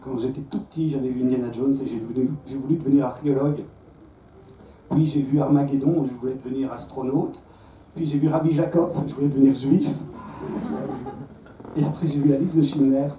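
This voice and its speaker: Stand-up comic, male, mellow dark voice, deadpan storytelling, caught from a distance in an echoey club. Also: mid-range voice, fast, a little hiss or hum. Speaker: stand-up comedian. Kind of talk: stand-up comedy set. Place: comedy club stage. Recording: roomy club sound from far off.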